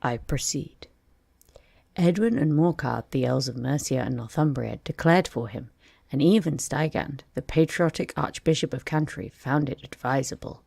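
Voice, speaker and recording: Storybook mouse played by a woman: testy, self-important lecturer, formal and emphatic, slightly husky. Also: extremely low pitch, normal speed, a little mellow, no room sound, heavily acted. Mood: lecturing. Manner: dry, formal, emphatic recitation. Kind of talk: storybook character voice.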